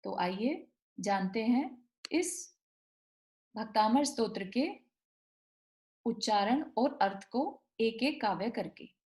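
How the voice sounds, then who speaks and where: A woman teaching an online class, slowly sounding out each word of a devotional hymn and chanting it line by line. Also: a little high, animated, a little mellow. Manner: slow, word-by-word instruction and chanting. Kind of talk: online class on pronouncing a stotra.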